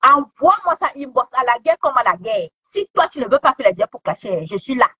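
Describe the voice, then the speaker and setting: Scolding woman with a lively high voice. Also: fairly quick, husky. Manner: scolding, repeats taunting questions. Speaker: online commentator. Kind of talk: heated social media commentary. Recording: dull lo-fi sound.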